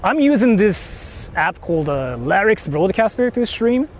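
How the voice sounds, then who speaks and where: An IRL streamer goes live outdoors from a phone he holds, moving through the countryside while rambling to chat about his tech setup with plenty of fillers. His voice is high, with big swings in pitch and a slightly slow pace, and there's a little background noise.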